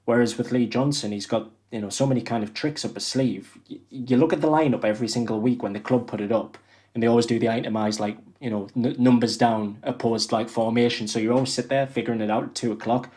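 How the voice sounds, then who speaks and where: A man's voice: medium pitch, fairly even intonation, fast talker, warm tone. A man giving casual, conversational football opinions as a podcast panellist. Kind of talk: casual football fan chat.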